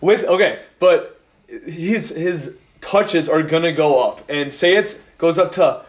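Slightly high man, hesitant podcast talk. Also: takes it slowly. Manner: hesitant, many "um"s. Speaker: fantasy football podcast co-host. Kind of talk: casual chat.

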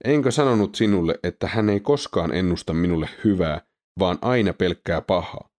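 A man's voice: low voice, a little mellow, natural voice. A man voicing a resentful, commanding king of Israel in a scripture reading.

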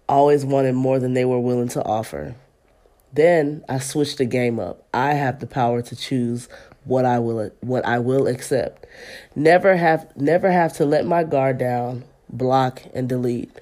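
Her pitch is extremely low and her tone warm, though stuffy and congested, as this woman in her thirties hosts a podcast at home in her apartment. She chats casually with listeners and also reads aloud.

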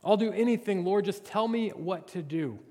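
Brief: male preacher playing a desperate man clinging to a cliff branch, loud pleading shouts pitched high, ringing long in a church hall. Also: moderate pace. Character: panicked man dangling from a cliff.

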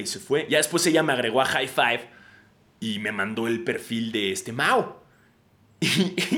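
Mexican man in his 30s, podcast host, casual storytelling, lots of slang and swearing, animated delivery. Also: mid-range voice.

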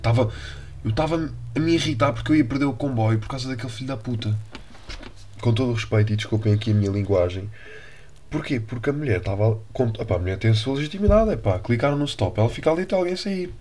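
A man's voice: medium pitch, lively intonation, fast talker, mellow. A young man with a European Portuguese accent, hosting a podcast and telling stories casually, swearing freely and restarting his sentences. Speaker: podcast host. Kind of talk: casual storytelling.

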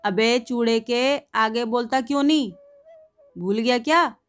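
A woman voicing a short-tempered male village schoolmaster who scolds and shouts abuse at a pupil. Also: a little high, measured pace, soft background music, close to an everyday voice. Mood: angry scolding.

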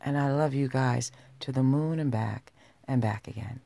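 A woman hosting a personal podcast, talking straight to listeners in an unhurried, sultry, intimate low voice. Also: vocal fry, mellow. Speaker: podcast host. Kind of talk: personal talk podcast monologue.

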